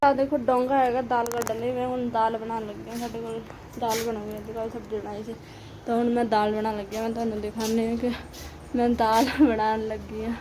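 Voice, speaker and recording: A woman's voice: a little high, level tone, fast talker. A woman with a Punjabi accent chatting casually in a home vlog, animatedly exclaiming as she retells things, on a noisy handheld recording. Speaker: vlogger. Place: at home, moving between rooms.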